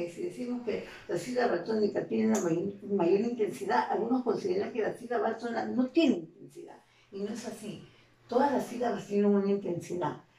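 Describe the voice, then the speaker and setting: A woman teacher with a Peruvian Spanish accent, explaining a lesson slowly and deliberately, often asking rhetorical questions. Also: medium pitch, creaky, dark tone, distant mic. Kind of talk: classroom lesson. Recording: very echoey room, voice off-mic.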